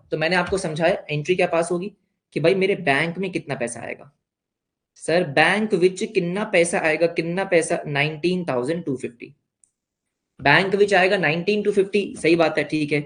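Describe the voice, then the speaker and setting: A young man with an Indian accent teaching an accounts lesson, playfully asking questions and answering them himself as a student would. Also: high-pitched. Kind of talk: online class lesson.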